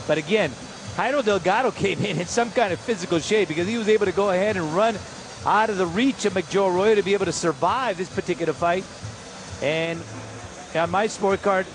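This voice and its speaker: A man calling and recapping a boxing match in a conversational commentary style. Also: high-pitched. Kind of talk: live fight commentary and recap. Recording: loud arena noise throughout. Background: noisy live boxing venue.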